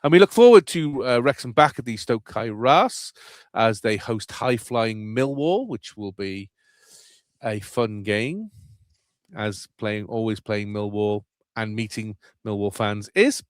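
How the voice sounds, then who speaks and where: A man's voice: fairly low pitch, expressive, measured pace, dry recording. A man hosting a casual football podcast, rambling and chatty with lots of fillers. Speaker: podcast host.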